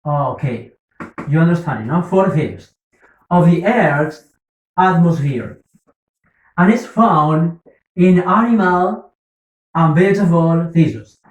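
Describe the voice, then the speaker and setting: A man's voice: a little high, takes it slowly, pauses often, distant mic, lo-fi sound. A man teaching an English vocabulary lesson, patiently repeating words and checking that students follow. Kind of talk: slow classroom explanation. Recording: roomy, from the mic.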